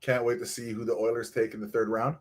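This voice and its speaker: A man's voice: mid-range voice, level tone, quick pace, slight background noise. A young man hosting a casual hockey livestream, chatty and rambling with lots of fillers, tired and yawning from little sleep. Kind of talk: casual live stream chat.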